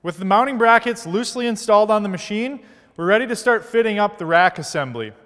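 In a large indoor workshop studio with a big-room sound, a man in his thirties narrates scripted, step-by-step installation instructions. His voice is high and fast, yet his explaining stays steady and methodical.

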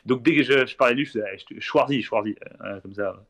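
A man's voice: medium pitch, racing, fairly bright tone. A man joins a live talk show over a video call to tell travel stories. He rambles and restarts often and acts out the exchanges he recalls. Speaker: guest traveler. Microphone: remote video call.

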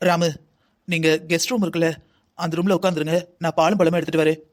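A voice actor playing a calm, firm middle-aged mother in a cartoon drama, soothing but insistent. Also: fairly low pitch, quick pace, close to an everyday voice.

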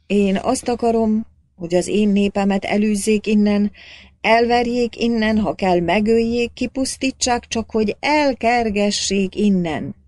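A woman's voice: mid-range voice, dry recording, natural voice. A woman voicing an old male village priest, guilt-ridden and fervent, who pleads and cries out in anguish. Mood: anguished shouting. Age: older. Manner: pleading, then shouting in anguish.

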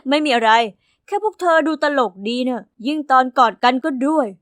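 A woman voicing a cocky teenage boy who mocks two girls in an animated story. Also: sits high, moderate pace, no room sound, clean studio sound. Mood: smug. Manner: mocking.

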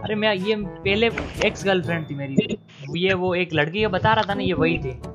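A man's voice: high-pitched, normal speed, music in the background. A man hosting a gaming channel, talking casually and pleading defensively with two women over voice chat. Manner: pleading, defensive, keeps saying yaar.

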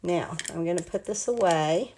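A woman in her sixties from the United States talks warmly at a fairly low pitch and normal speed while showing card making at her home craft table indoors. She chats and rambles, explaining each step of the live demo, with a little hiss or hum in the audio.

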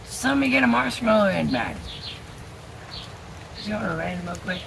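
A middle-aged woman, a camping vlogger, chats casually outdoors by a tent in a backyard, laughing between remarks in an expressive, creaky, mid-range voice at a moderate pace. There's noise in the background, and the audio comes from a camera on a stand at a distance, later from a phone at arm's length.

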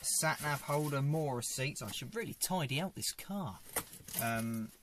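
A young man's mid-range voice comes across animated and measured as he sits in a parked small car, walking a fixed dashboard camera through the things he keeps there. The vlog is casual, his humor dry and self-mocking, his talk chatty, and background noise can be heard.

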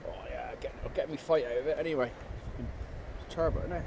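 A man's voice: medium pitch, quick pace, vocal fry. A man casually bantering and swearing while fishing from a small open boat, recorded on a boat-mounted action camera. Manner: swearing, joking, excitable. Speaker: angler filming a fishing trip. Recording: loud wind noise on a camera mic. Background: wind and water.

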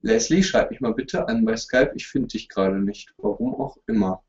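A man hosts a YouTube livestream from a room at home, in front of a couch, casually responding to viewer questions with humor and apology. His medium-pitched voice swings widely in pitch, moving at a moderate pace, creaky and a little mellow. The webcam audio is roomy, distant, and dull.

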